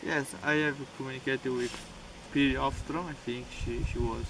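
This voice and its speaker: Flat-voiced hesitant young man. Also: mid-range voice, moderate pace, background noise. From Peru. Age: young adult. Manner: hesitant, broken phrasing. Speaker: volunteer. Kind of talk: interview answers. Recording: distant mic with loud music.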